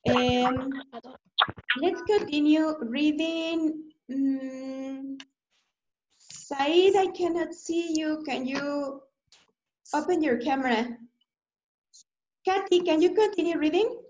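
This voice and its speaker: A woman's voice: high-pitched, takes it slowly, pauses often, darkish tone, a little hiss or hum. A woman with a Mexican accent teaching an online English reading class, using simple phrases and repeated check questions. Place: indoor room, on a video call. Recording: muffled, echoey online class audio.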